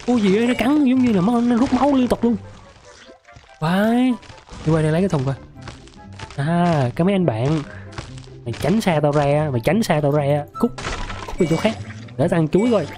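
A young man with a sore, hoarse throat streams a mobile game, yelping and repeating himself as he reacts. His voice sits a little high. Faint music plays underneath. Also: normal speed, pauses often. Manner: excitable, yelps and repeats words. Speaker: gaming streamer. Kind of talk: excited game commentary.

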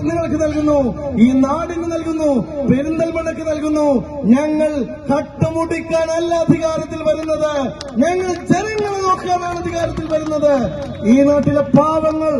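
A man giving a fiery, declamatory election rally speech outdoors. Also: very high-pitched. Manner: shouting slogans, declamatory. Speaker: political campaign speaker. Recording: crowd noise, noisy rally.

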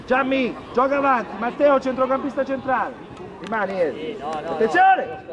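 Male football coach, very high voice, barking short repeated orders from the touchline; muffled outdoor recording with a crowd behind. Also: animated, normal speed. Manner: urgent, repetitive instructions. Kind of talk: shouted sideline coaching. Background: crowd noise.

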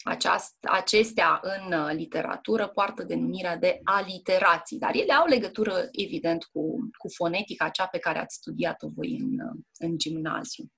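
With a lowish, gravelly, slightly rough voice that's a bit bright, a woman preps one student for an exam, pausing little. She teaches Romanian language and literature indoors in a classroom or tutoring room, explaining patiently, checking in frequently, and hesitating with fillers.

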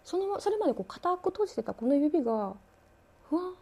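High, animated woman telling ghost stories. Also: brisk. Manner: dramatic storyteller, sound effects, drops to hushes. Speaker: ghost story collector, guest. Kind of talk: spoken ghost story telling.

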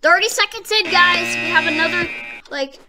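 A female gaming host giving excited, casual gameplay commentary and explaining things as she plays. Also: very high voice, normal speed, loud music behind the voice.

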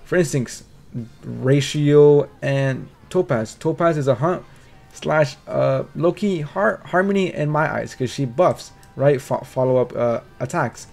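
A man's voice: fairly high pitch, unhurried, vocal fry, a little mellow, soft background music. Rambling, stammering man talking about games. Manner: rambling, stuttering restarts, casual swearing, frequent "right?". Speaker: game commentary creator. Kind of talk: casual gaming commentary.

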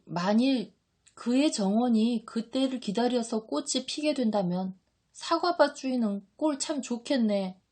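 A woman reading an audiobook, voicing a male disciple who argues excitedly and doubts. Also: a little high, measured pace, voice pushed up. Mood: agitated.

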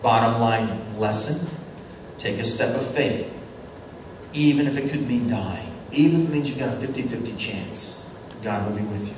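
A man giving a lecture on church mission. He questions the class and takes their short answers, and he acts out characters in quick voices as he tells stories. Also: mid-range voice. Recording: very echoey room, distant mic, faint noise.

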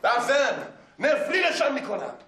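An actor playing a young, hot-tempered factory worker in a TV drama, angry and bitter. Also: male voice, extremely high pitch, wildly swooping pitch, bright, forceful tone, roomy sound, slight background noise, full character voice, poor audio. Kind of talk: TV drama acting.

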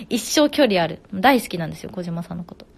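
A woman in her twenties hosting a casual live stream at home on her phone. She reads viewer comments aloud and answers them quickly. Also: fairly low pitch, animated, creaky, husky.

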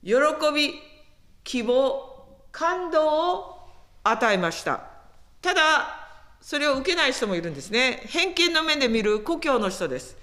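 A woman preaching a sermon in an animated storytelling manner, acting out quotes as she goes. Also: high voice, unhurried. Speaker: pastor.

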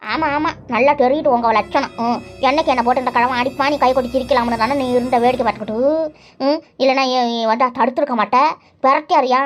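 In a cartoon, a woman voices a bitter, quarrelsome elderly mother-in-law, nagging and sarcastic in a scolding mood. Her voice sits high and moves at a quick pace, with soft background music on a dull lo-fi recording.

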